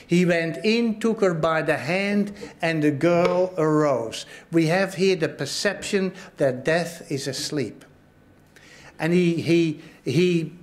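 A pastor preaching a sermon, earnest, often repeating phrases and asking his listeners if they understand. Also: a little high. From Australia. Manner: earnest, repeats phrases, asks the congregation questions.

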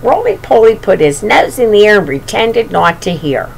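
In a noisy home webcam recording from a small bedroom, an older woman reads a storybook and talks affectionately to young children. Her mid-range voice has vocal fry, big pitch swings and a normal pace, captured at arm's length.

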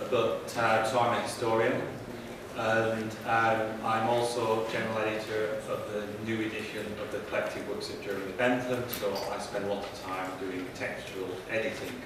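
A male professor sits at a panel table in a conference room and speaks into a handheld mic, his delivery halting and full of ums and restarts. His voice is lowish with a level tone. The microphone is distant, and the echoey room sounds noisy and far away.

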